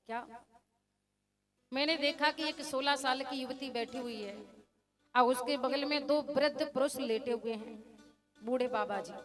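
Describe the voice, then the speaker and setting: A woman preacher telling a devotional scripture story to a village gathering, addressing the crowd directly and slowly chanting verses. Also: high-pitched, a bit bright. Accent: Braj-tinged Hindi.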